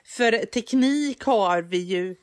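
A woman co-hosting a podcast in casual conversation. She searches for words as she talks, restarting and repeating herself often. Her pitch is average. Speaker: podcast co-host, teacher.

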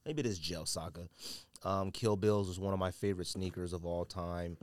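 An American podcast host from California chats solo about sneakers, casual and informal with plenty of slang. His low voice is steady at a moderate pace, and the recording is dry.

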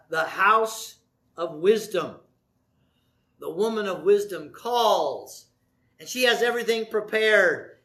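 A man preaching a sermon as pastor, folksy and animated, with asides and jokes to the congregation. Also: sits high.

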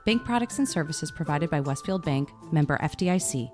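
A woman reading a scripted legal disclaimer in an even, measured way. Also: low voice, soft background music. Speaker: disclaimer announcer.

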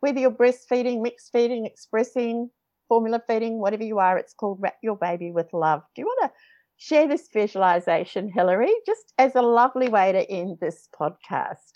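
A woman's voice: a little high, brisk, dark tone. Chatty woman podcast host, slightly dull audio. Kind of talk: casual conversational interview.

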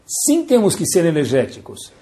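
A man teaches a religious lesson through stories. His voice sits somewhat high for a man, and he jumps between hushed asides and emphatic rhetorical questions. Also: normal speed. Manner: animated storyteller with rhetorical questions. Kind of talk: Torah lesson storytelling.

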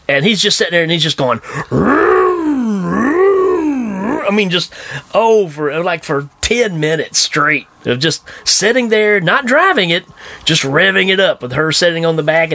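Jokey podcast guy, bright voice, pitch bouncing all over, dry close sound. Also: dry recording. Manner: jokey, animated, acts out scenes. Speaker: podcast co-host. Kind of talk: casual chat reviewing a bad movie.

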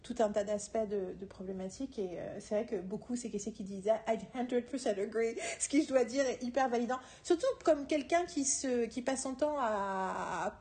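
Brief: female co-host, slightly higher register, quick and lively, frequent laughter. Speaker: podcast co-host and screenwriting teacher. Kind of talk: casual chat.

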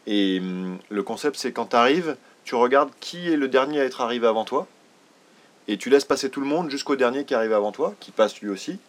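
Fast-talking, excitable French podcast host. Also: male voice, medium pitch. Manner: excitable, rambling, swears when teased. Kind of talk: casual chat.

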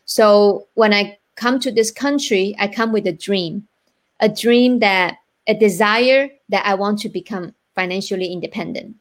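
A woman from China speaks with a Chinese accent, her pitch sitting in a middle range. She talks earnestly as a guest on a live online show and keeps checking in with a quick "right?". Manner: earnest, repeats "right?" often. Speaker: guest entrepreneur.

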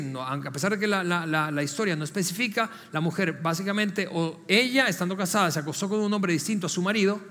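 A man with a high voice preaches a sermon to his congregation in a church auditorium. He talks to them like a conversation, putting direct questions to them and often restarting his words. His voice carries a long reverb from the large hall. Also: bright, forceful tone. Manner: frequent restarts and repeated words. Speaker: pastor.

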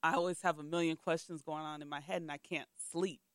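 A man's voice: on the high side, fairly even intonation, fast talker, fairly bright tone, smooth, dry recording, clean studio sound. A man hosting a casual podcast chat, an easygoing interviewer.

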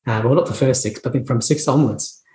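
A man's voice: mid-range voice, fast talker, darkish tone. Reflective man in a roomy echo. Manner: earnest, reflective, frequent restarts and laughs. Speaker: dentist, podcast guest. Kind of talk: conversational storytelling.

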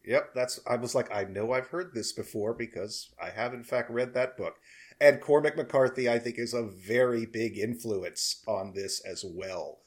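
A man hosting a casual review podcast, loose and joking, handing turns to his co-hosts. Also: medium pitch. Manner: loose, joking, quick to laugh. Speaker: podcast host.

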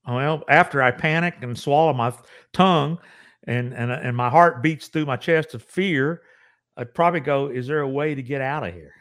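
A man's voice: mid-range voice, normal speed, a bit bright. A man chatting casually, agreeing with his partner and adding jokes. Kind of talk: conversational chat.

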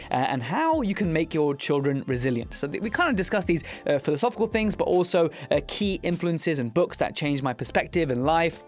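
A man, a dentist talking as a podcast guest, fluent but full of fillers and restarts. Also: a little high. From United Kingdom. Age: 30s. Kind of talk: casual podcast conversation.

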